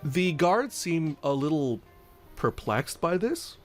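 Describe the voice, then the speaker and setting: Guy running a tabletop game, rambly, tons of fillers, slightly high voice, soft music behind. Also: big pitch swings, slow. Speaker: game master.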